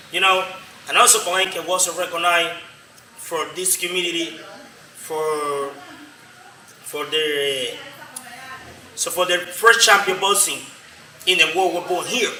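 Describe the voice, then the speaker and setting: A man from Colombia with a Colombian Spanish accent, explaining his community's history as a local guide in halting, repetitive English. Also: high-pitched, bright, forceful tone. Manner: halting non-native English, repetitive, frequent "you know?". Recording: roomy, distant from the mic, faint noise.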